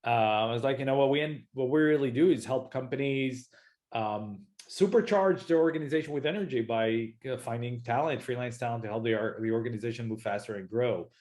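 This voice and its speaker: A man in his forties with an Israeli accent, a startup founder talking casually in an interview, relaxed and hesitant. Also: medium pitch, a little fast. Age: 40s. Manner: hesitant, many fillers and restarts, relaxed.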